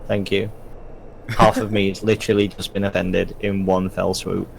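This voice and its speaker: A man's voice: low voice, level tone, normal speed, creaky, background noise. A man who created the game map, chatting casually on a stream with dry, self-deprecating humor.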